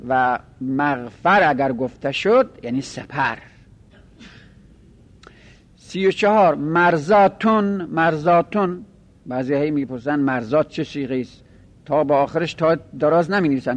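A man teaching a grammar lesson, drawing out each listed word slowly, then explaining quickly in asides. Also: a little high.

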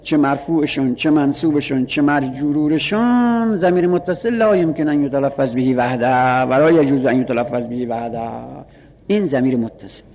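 A man teaching Arabic grammar in a seminary-style lesson, repeating each rule slowly and reciting Arabic phrases and pronoun lists. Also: medium pitch, animated, darkish tone, long reverb tail, muffled recording.

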